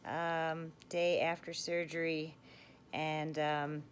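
A middle-aged woman, weak and sore after surgery, speaking in a subdued, halting way as in a casual video diary. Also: deep voice, little pitch movement. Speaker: patient vlogger. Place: hospital room, lying in bed. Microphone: phone at arm's length. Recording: faint room noise, phone recording.

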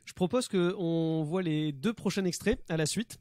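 Joking man co-host, slightly high voice. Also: normal speed, mellow, no echo. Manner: rambling, jokey, stumbles over words. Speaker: stream co-host. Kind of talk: casual chat.

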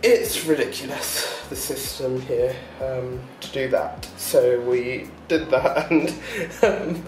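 Speaking slowly at a medium pitch, a man rambles through a casual daily vlog chat, packed with ums, fillers and brief laughs. The audio is poor, with an echoey room, distant mic placement and music playing in the background.

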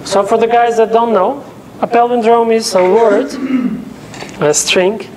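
A young teaching assistant with a very high, darkish voice speaks unhurriedly and fairly evenly, teaching in English, his second language, in a lecture room with a projector and whiteboard. He explains step by step and often stops to ask "okay?" so students keep up. The lapel-mic recording is low quality, with a little hiss or hum.

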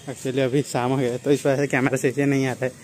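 A young Odia-speaking vlogger from Odisha, India, narrates his day casually around a small village shop and outdoors, holding a phone camera at arm's length. He rambles in a relaxed way with lots of fillers, his mid-range voice quick but flat and even. Faint background noise sits behind him.

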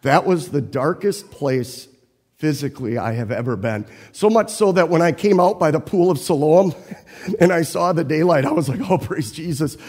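Pastor preaching in an echoing hall. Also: male voice, on the high side, animated, normal speed, a little mellow. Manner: conversational storytelling, asking listeners questions. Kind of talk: sermon.

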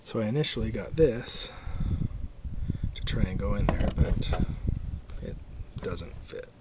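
Man, low voice, slow halting how-to talk, outdoors under a truck at night, handheld camera mic. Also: lively intonation. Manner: slow, halting, with pauses and fillers. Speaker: DIY video maker. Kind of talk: casual how-to demonstration. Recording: loud noise behind the voice.

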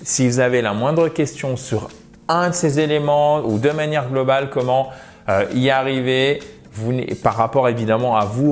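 A man giving a video lesson on English, speaking with energy and emphasis. He talks straight to his viewers as dear friends and carefully demonstrates how English words should sound. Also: medium pitch. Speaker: English teacher.

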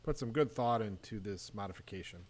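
A man's voice: fairly low pitch, lively intonation, a little fast, darkish tone. A man giving a casual outdoor walkaround, explaining trailer gear step by step at a wooded campground. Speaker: trailer review vlogger.

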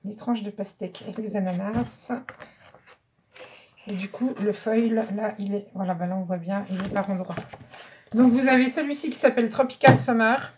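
A woman's voice: mid-range voice, normal speed, a little mellow, slight background noise. A French woman vlogging a craft haul, chatting casually and thinking aloud as she pages through paper pads. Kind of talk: casual show-and-tell.

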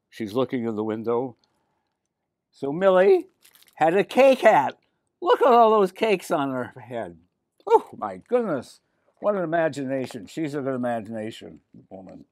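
A man's voice: medium pitch, dry recording, studio quality. An older man reading a picture book aloud to children, chatting to them with asides between the lines. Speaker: resident reader.

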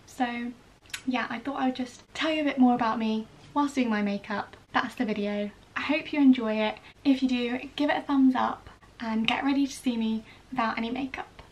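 A young Welsh woman chats casually to camera in a get-ready-with-me vlog filmed in her small bedroom; she's a vlogger and a ballet dancer in training. Her voice is a little high, steady and at normal speed, picked up by a slightly distant mic in a clearly noisy room.

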